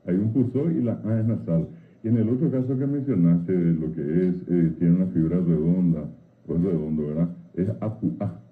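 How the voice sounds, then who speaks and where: A man patiently explains similar-sounding words on a radio talk show, filling pauses with many "eh"s. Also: low voice, reverberant. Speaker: Guarani language expert guest. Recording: tinny phone-like radio audio.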